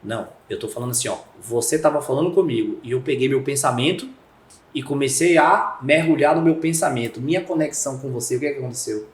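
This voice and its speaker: A Brazilian man talks in a conversational podcast interview. His voice is mid-pitched, and he acts out little scenes as he explains. The room around him sounds echoey. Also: fast. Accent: Brazilian Portuguese. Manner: animated storyteller acting out quoted dialogue. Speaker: guest, communication speaker.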